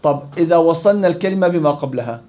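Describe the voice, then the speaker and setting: A man's voice: on the high side, animated, fast talker, highs cut off, a little hiss or hum. A man teaching Quran recitation rules in a classroom lecture, explaining rules and quizzing his students.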